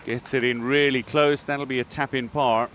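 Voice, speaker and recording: A man's voice: mid-range voice, steady tone, normal speed, a bit bright, a little hiss or hum. A man working as a golf commentator, giving live commentary on a tournament.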